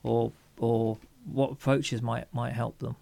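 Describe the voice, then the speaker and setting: Slow and level, his mid-range voice is warm with a touch of vocal fry, captured with no echo. As a podcast co-host in an informal, reflective conversation, he hesitates and searches for words, frequently starting sentences over with the same opening.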